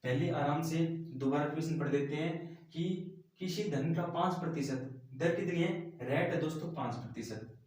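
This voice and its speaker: A male math teacher works through a problem step by step, often turning to the class as friends. His voice sits a little high for a man. It rings through a very echoey room and sounds set back from the microphone. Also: moderate pace, a little mellow. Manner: explains step by step, often addresses listeners as friends. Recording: very echoey room, mic at a distance.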